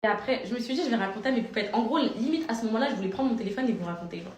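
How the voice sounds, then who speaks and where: A woman's voice: fairly high pitch, very fast. A woman influencer telling her followers a story in a slangy, chatty vlog, piling on filler tags. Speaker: social media influencer. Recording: roomy echo.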